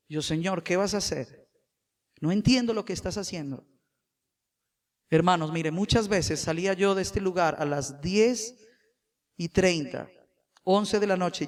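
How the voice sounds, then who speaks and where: A man, a pastor preaching a sermon in a church, moving between quiet personal testimony and loud, emphatic preaching. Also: sits high.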